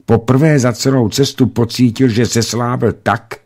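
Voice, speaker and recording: A man reading a novel aloud in a measured, expressive storytelling manner for radio. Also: mid-range voice. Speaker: narrator.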